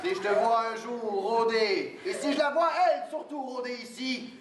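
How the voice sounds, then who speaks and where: Man playing a pompous, high-voiced stern father, echoey. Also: steady tone, normal speed. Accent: Quebec French. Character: stern father forbidding his son's love. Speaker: improv player. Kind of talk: theatrical improv comedy. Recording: echoey hall, distant mic, loud noise.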